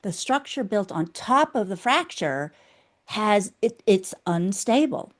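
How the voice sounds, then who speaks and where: A woman's voice: medium pitch, lively intonation, takes it slowly. A woman guest in an interview, explaining her theory in a teacherly way and checking in often with the listener. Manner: teacherly, checks in with a frequent "okay?". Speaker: guest, inner critic specialist.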